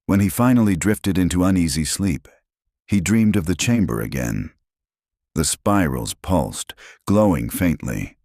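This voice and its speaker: Very deep-voiced male horror narrator. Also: darkish tone, no echo, studio quality. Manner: dramatic, suspenseful delivery.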